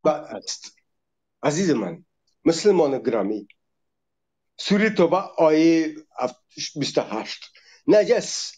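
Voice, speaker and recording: A man's voice: on the high side, big pitch swings, long pauses, darkish tone. A man giving an impassioned monologue as a religion critic. He speaks emphatically, addresses listeners directly and cites verses one by one.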